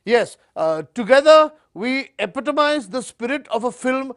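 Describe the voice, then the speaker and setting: A man playing a pompous, self-important celebrity author in a comedy sketch mock interview, speaking in a deliberate, self-promoting way. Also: extremely high pitch, expressive, fairly bright tone, full character voice.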